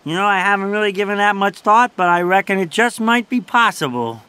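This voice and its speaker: A man voicing a slow, easygoing male otter in a cartoon, with a folksy drawl and an earnest, long-winded way of talking. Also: high-pitched, pushed and bright, slight background noise. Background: cartoon music.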